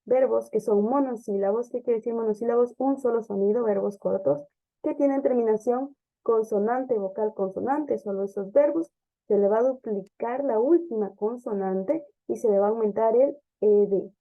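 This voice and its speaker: Woman, English teacher; patient step-by-step explainer, higher voice, dull lo-fi recording. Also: moderate pace. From Ecuador. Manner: explanatory, checks understanding with frequent "ok?" and "sí?". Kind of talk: classroom grammar lesson.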